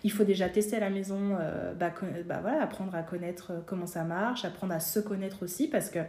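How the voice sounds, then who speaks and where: A woman talks casually as an interview guest, hesitating often with fillers and restarting her sentences. Her voice sits at an ordinary pitch. The room around her is echoey. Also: a little fast, mellow. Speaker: guest, seamstress and designer.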